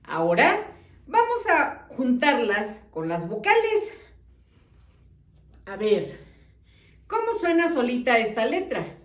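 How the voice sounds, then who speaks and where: Sing-song teacher woman, slow and lively. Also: on the high side. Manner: slow, sing-song, encouraging, sounding out letters. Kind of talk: children's phonics lesson. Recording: echoey room.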